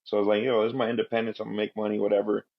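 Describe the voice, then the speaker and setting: A man's voice: lowish voice, level tone, racing, vocal fry, muffled recording. A man in his thirties, raised in Southern California, a podcast guest telling stories in a laid-back, rambling way. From Guatemala, raised in Southern California. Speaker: podcast guest, Marine veteran. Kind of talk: casual interview storytelling.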